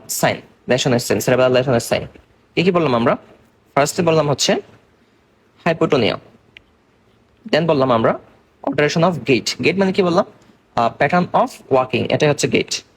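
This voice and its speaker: A man's voice: fairly high pitch, slightly rough. A young man from Bangladesh giving an exam-focused medical lecture, explaining step by step and often checking that students follow. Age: young adult. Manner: explains slowly in mixed Bengali and English terms, checking understanding.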